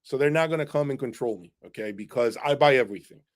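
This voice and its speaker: On an unscripted livestream, an audio gear reviewer and channel host fields viewer questions in a forceful, opinionated manner, frequently asking "okay?". His voice is medium-pitched and he speaks fast.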